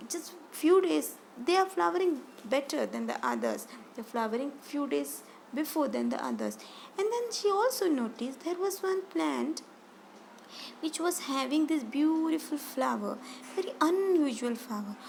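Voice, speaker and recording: Woman, Indian English accent, teacher, high voice, gravelly, expressive storytelling, rephrases as she goes. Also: a little slow, a little hiss or hum, poor audio. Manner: expressive, repeats and rephrases lines while explaining. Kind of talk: retelling a textbook story for a class.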